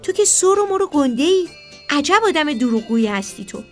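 A woman's voice: sits high, big pitch swings, soft background music, voice pushed up. A woman voicing an honest wife who firmly disapproves of lying.

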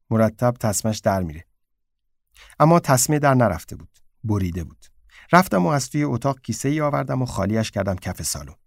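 A man reading a short story aloud in a subdued, low-key way. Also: creaky, no room sound, studio quality. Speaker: narrator.

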